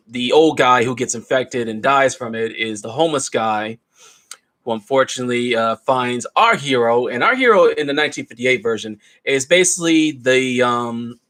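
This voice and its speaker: A man's voice: medium pitch, fairly bright tone. A man giving a casual, rambling film review, retelling the plot loosely with plenty of asides. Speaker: movie reviewer.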